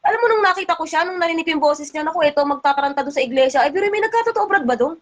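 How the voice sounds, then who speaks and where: A woman's voice: very high voice, expressive. A woman hosting a casual livestream chat, talking in an indignant, scolding way. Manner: indignant, scolding, talks fast. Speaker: livestream host.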